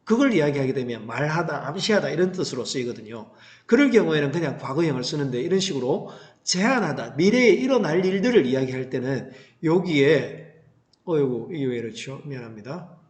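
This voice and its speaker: Brisk and animated, this man's rather high voice carries an English reading lesson that goes through the text line by line. Teaching didactically, he asks students questions and then supplies the answers himself, and the sound is roomy with an echo.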